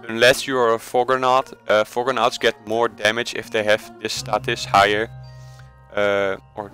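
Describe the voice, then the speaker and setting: Soft background music accompanies a Dutch man, from the Netherlands, recording a laid-back screen tutorial for a game. His voice sounds low, flat and bright, and he hesitates a lot, dropping in "uh" and correcting himself mid-phrase.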